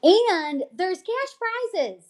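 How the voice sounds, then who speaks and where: Her voice is very high-pitched, sing-song and a little mellow, with drawn-out words. This American woman, a real estate agent and livestream host, reads a newsletter aloud casually, regularly checking in with tags like "okay?".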